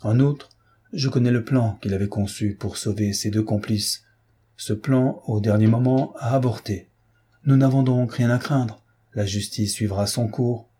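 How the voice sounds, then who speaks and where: A man's voice: medium pitch, measured pace, dark tone, husky. A man reading an audiobook voices a confident male official who speaks in a firm, insistent way. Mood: assured. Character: confident male official, reassuring and self-assured.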